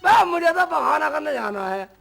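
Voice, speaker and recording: A man's voice: very animated, moderate pace, gravelly, fairly bright tone, soft background music, exaggerated voice. A man playing a foolish, literal-minded young son-in-law in a comedy film, with a cheeky manner. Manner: squeaky, cheeky, takes every word literally. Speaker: comic lead.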